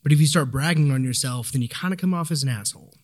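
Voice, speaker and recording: A man's voice: fairly high pitch, fast. A man speaking as a podcast guest in casual chat, easygoing and frank. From Oklahoma.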